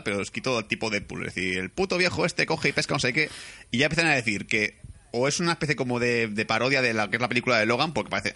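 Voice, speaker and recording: A man from Spain with a Spain Spanish accent, excitedly reviewing a film in casual chat, swearing and acting out scenes. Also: medium pitch. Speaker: podcast co-host.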